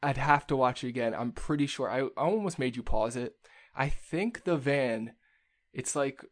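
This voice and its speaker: Man, casual movie chat, detailed plot recap, middle pitch, animated. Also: moderate pace. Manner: lively, recounts scenes in detail.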